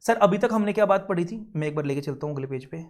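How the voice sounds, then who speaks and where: A young Indian man teaching a law lecture, lively and scolding, mixing in English legal phrases. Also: high voice, quick pace.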